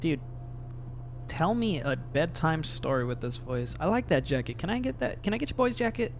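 A man's voice: a little high, sing-song, moderate pace, a little hiss or hum. A man casually commenting while playing a video game, joking and reading game text aloud. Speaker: gaming video host.

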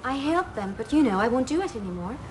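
A woman's voice: a little high, sing-song, fast talker, a little hiss or hum. An actress playing a curious woman who eagerly echoes the other's words and keeps asking questions. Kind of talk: film dialogue.

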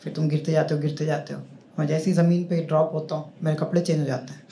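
Here a young comedian speaks at a quick pace in a slightly high, level-toned voice, bantering with and poking fun at people in a club audience. The handheld mic on its stand picks up a spacious live room with crowd noise, and laughter rises from the audience.

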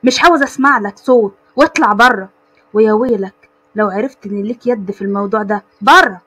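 A woman voicing a furious young male company boss who shouts threats in an Egyptian accent, husky and quick. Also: on the high side. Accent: Egyptian Arabic.

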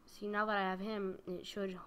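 A woman's voice: mid-range voice, level tone, moderate pace, fairly bright tone, a little hiss or hum. Chatty young woman playing a game. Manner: chatty, giggly, talks to her game creatures. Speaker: gaming video host. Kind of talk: casual let's-play commentary. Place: home room. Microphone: home desk microphone.

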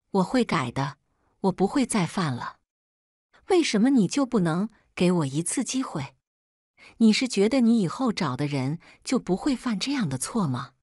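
Woman reading a begging husband, urgent, low and dry. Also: darkish tone, no echo. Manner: urgent, pleading. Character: remorseful young husband pleading.

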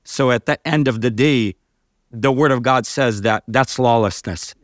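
A man's voice: mid-range voice, unhurried, no echo, studio quality. Affirming middle-aged male interviewer. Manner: affirming, frequent amens and interjections. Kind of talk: interview about faith. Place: dark studio set, seated.

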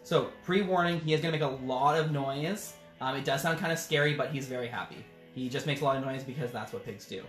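A male drag queen hosts a children's storytime. He talks in a casual, playful, chatty way at a middling pitch. The home room echoes around him, with faint music. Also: quick pace, hardly any pauses. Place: living room at home, indoors.

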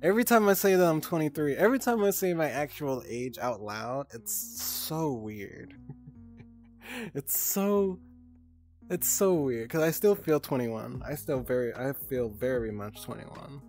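Slow, giggly young woman streamer. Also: rumbling low, animated, a little mellow, soft background music. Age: 20s. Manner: laid-back, giggly, swears freely. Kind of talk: casual chat with stream chat.

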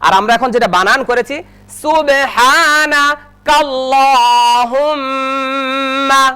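A male Quran teacher leading a televised lesson, spelling out Arabic syllables and chanting them slowly for students to repeat. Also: very high-pitched, noisy background. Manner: slow drawn-out chanting of syllables, brisk instructions in between.

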